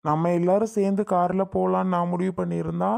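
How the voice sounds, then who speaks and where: A woman acts out a hurt, tearful elder brother in a family comedy skit, his voice low and gravelly. He pleads and sulks, taking every word to heart. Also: level tone, fast, mellow. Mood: hurt pleading. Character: emotional grown man, a doting elder brother.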